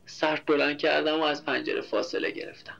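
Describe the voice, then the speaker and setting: A man's voice: fairly high pitch, fairly even intonation, vocal fry, a bit bright, dull audio. A man narrating a dramatic first-person story, intense and emotional, at times sinking to a whisper.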